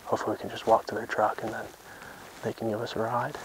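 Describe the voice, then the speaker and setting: Low, gravelly-voiced man chatting outdoors. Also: flat delivery, fast talker, slight background noise, rough recording. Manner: informal, thinking aloud. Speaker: bowhunter filming his hunt. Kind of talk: casual unscripted hunting chat. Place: outdoors in open hilly country.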